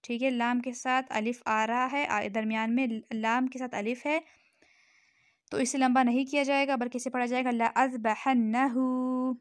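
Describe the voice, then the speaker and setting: A woman with a Pakistani Urdu accent teaching Quran recitation rules, patiently repeating each word slowly and checking in with her listeners. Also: a little high, flat delivery, clear, resonant tone, no room sound. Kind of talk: tajweed lesson explanation.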